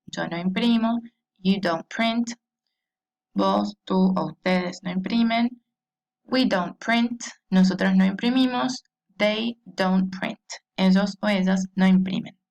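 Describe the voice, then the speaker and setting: A woman teaches a grammar lesson at a slow, careful pace. She pronounces each English example phrase clearly and keeps checking that her listeners are following her. Her voice sits at an ordinary pitch. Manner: deliberate, repeats a questioning "¿sí?" to check understanding.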